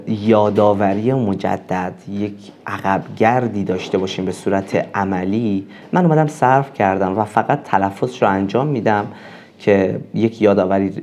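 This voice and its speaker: A man teaching a recorded language lesson, explaining patiently and saying each example word slowly, often twice. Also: on the low side, a little mellow. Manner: repeats example phrases twice.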